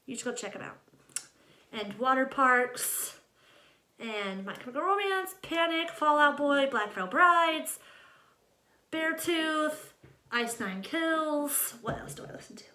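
A nineteen-year-old woman from Ohio introduces herself as the channel's host in a casual vlog, talking to camera from a small room at home. Her voice sits high with a sharp tone, and she rambles, often cutting herself off. The untreated room makes the recording echoey.

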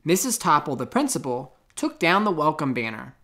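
A man narrating a children's storybook aloud in an expressive, clearly phrased way. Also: fairly high pitch, normal speed. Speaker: storybook reader.

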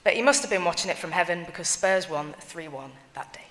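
A woman's voice: on the low side, fairly bright tone. Woman reading eulogies in a reverberant church. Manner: measured, solemn reading. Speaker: reader of family tributes at a funeral. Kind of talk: reading written eulogies aloud.

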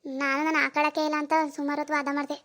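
A woman voicing a hesitant, sulky young married daughter in an animated cartoon, speaking softly. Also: sits high, very fast. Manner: soft, reluctant.

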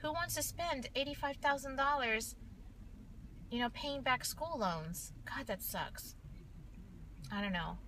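A woman's voice: high-pitched, lively intonation, measured pace, long pauses, a bit bright. Late-30s woman rambling to her phone in the car, venting about stuff, engine hum behind. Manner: rambling, venting, talks to viewers with questions. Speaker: vlogger, nurse. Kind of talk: casual chatty vlog. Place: inside a parked car, daytime. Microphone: phone camera at arm's length. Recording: car interior with vehicle noise.

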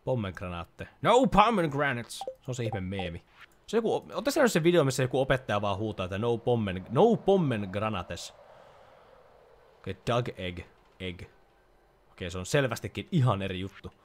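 A man's voice: fairly low pitch, very animated. A young man giving casual let's-play commentary, chatty and joking as he reads game lines aloud. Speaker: gaming YouTuber.

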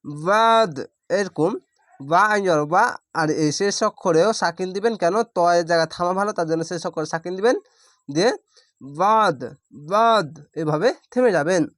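A man teaching Quran reading, spelling out each syllable plainly and drawing out the recited words slowly. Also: sits high, no echo, studio quality.

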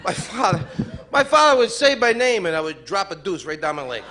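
A man's voice: sits high, sing-song, a little fast, sharp tone. A man doing a stand-up set in a comedy club, brash and profane, teasing the crowd. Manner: brash, profane, teases the audience. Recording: live club recording with room noise.

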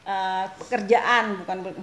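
A woman's voice: mid-range voice, fairly even intonation, measured pace, a bit bright. Chatty Indonesian vlogger woman, echoey room. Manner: chatty, laughs often, keeps addressing viewers as guys. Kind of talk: casual vlog chat. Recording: echoey room, faint noise.

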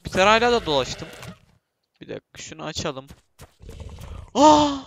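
A man giving casual, self-mocking commentary while playing a game, talking to himself and his viewers and bursting into excited shouts. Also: high voice, normal speed, slight background noise. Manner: self-mocking, laughs often. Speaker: gameplay streamer.

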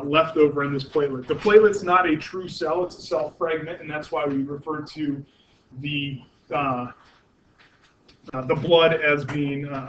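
Guy lecturing a class, kinda higher voice, lots of uh and um, muffled recording w some hiss. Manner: explanatory, frequent fillers and self-corrections; asks the class questions. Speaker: university anatomy lecturer.

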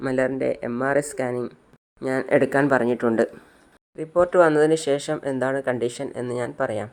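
A man doing a calm, measured doctor. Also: medium pitch, lightly acted. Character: calm hospital doctor, male, composed.

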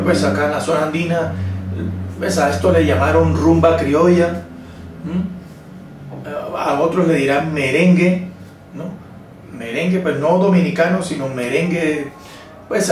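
Man chanting rhythm syllables, echoey room. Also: fairly high pitch. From Colombia. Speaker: music teacher. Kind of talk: guitar rhythm lesson. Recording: echoey room, distant mic, clear background noise.

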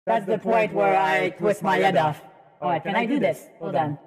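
A high-pitched man in his thirties calls out a game live over a headset microphone, jumpy and profane as he chatters to himself and his viewers. Faint music plays underneath. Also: moderate pace, husky. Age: 30s. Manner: excitable, swearing, talks to himself and chat. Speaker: streamer. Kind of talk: gaming livestream commentary. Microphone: livestream headset mic.

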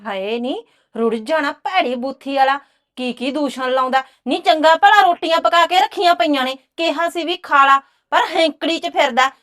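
A woman playing a sharp-tongued scolding housewife. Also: high voice, normal speed. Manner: scolding, cursing. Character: sharp-tongued village housewife, angry and proud. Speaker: actress. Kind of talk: village drama dialogue.

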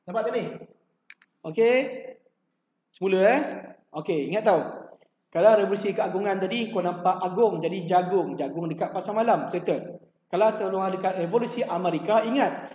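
A man's voice: high-pitched, moderate pace, long pauses, a little mellow. An older man with a Malaysian Malay accent teaching a history class, chatty and repetitive, quizzing his students with memory tricks. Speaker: history tutor. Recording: echoey classroom, long reverb.

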